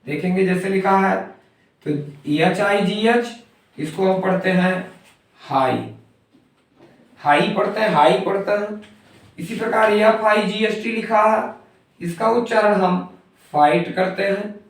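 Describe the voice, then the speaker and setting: A man teaching a phonics lesson, going patiently through example words and saying each one more than once. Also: sits high. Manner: slow, patient, repeats each example word. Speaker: English teacher. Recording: very echoey room, mic far off.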